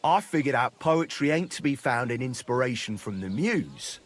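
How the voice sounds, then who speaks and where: A man's voice: mid-range voice, animated, normal speed, natural voice. A man playing a rowdy, bawdy troubadour. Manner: crude, boisterous, mocking. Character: bawdy, boozy male troubadour, crude and cheerful. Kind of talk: video game cutscene acting.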